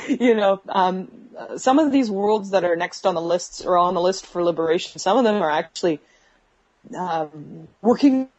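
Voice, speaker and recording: A guest in an interview, this woman talks from her bedroom through a phone's video call app on a shaky connection. Her voice is low and darkish with lively intonation, at a moderate pace, and the audio is dull. She hesitates often and fills gaps with filler words.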